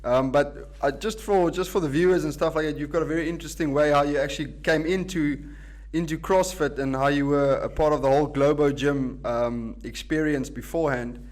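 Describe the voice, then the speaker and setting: A man's voice: fairly high pitch, fairly even intonation, fairly quick, a little mellow. A man hosting a podcast, chatting casually and rambling with many restarts. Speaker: podcast host. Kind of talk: casual interview chat.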